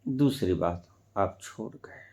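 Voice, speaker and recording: A man giving a spiritual discourse as a teacher, speaking deliberately with sudden loud emphatic rises. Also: lowish voice, expressive, creaky. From India.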